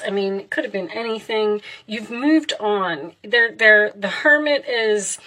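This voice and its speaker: Female tarot reader, conversational and reassuring, addressing the listener directly with halting, thinking-aloud phrasing. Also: mid-range voice, a bit bright, rough recording. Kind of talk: casual spoken tarot reading.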